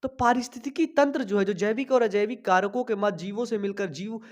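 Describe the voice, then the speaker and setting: Speaking slowly after a cough, a young man with a high voice lectures on biology in an online class from his small home studio. He uses a sensitive desk mic and keeps things chatty, checking in with his students over and over with "thik hai."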